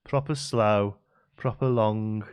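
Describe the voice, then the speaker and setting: This easygoing streamer from Staffordshire, England, speaks West Midlands English in a lowish, clear, resonant voice that's slow and a bit mellow. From his green-screen home setup he reads and answers chat while gaming, restarting often and using plenty of fillers.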